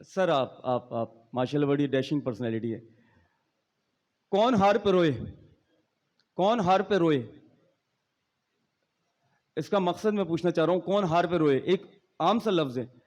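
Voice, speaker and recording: A man's voice: fairly high pitch, unhurried, long pauses, darkish tone. A man giving a speech at a school event, joking between lines and declaiming poetry with rising force. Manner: teasing, joking asides between verses; declaiming, rising intensity in verse. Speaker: guest speaker at a school speech competition. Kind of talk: stage speech with recited Urdu verse.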